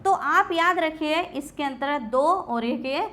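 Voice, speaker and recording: A woman's voice: sits high, expressive, unhurried, fairly bright tone. A woman teacher giving a classroom grammar lecture, asking questions and answering them herself. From India. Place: coaching class.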